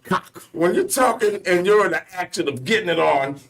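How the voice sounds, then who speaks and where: A man co-hosting a radio chat show, joking with his co-hosts and trailing off mid-sentence. His voice sits a little high and swings widely in pitch. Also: animated, creaky, a bit bright, recorded from a distance, slight background noise. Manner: joking, halting, stops and restarts while teasing. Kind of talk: casual banter among co-hosts.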